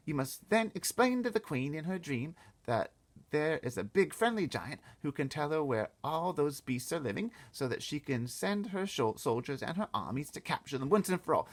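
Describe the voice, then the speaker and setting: A man reads a storybook aloud, raising his voice a bit above his natural pitch to play a bossy, eager little girl. His delivery is expressive and moderately paced as she explains things with emphatic confidence, sounding urgent and commanding.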